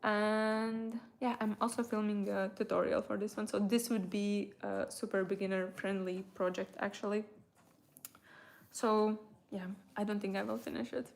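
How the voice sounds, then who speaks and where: A woman's voice: mid-range voice, little pitch movement, moderate pace, gravelly. Rambling woman. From Latvia. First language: Latvian. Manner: rambling, hesitant, trailing off mid-thought. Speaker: crochet tutorial creator, livestream host. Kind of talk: casual livestream chat.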